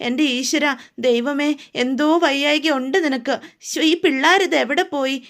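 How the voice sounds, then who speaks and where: A woman's voice: high voice, normal speed, fairly bright tone. A woman voicing an anxious mother-in-law who fires off insistent, fussing questions.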